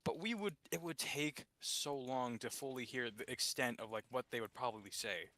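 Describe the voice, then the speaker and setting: A man's voice: medium pitch, moderate pace, pushed and bright. A young adult man chatting eagerly, jumping in and swearing now and then. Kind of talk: casual chat.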